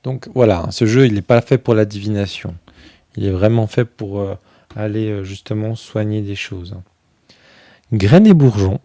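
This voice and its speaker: Low mellow-voiced man, casual deck review. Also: moderate pace, no echo, clean studio sound. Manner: chatty, many fillers, thinks aloud while flipping cards.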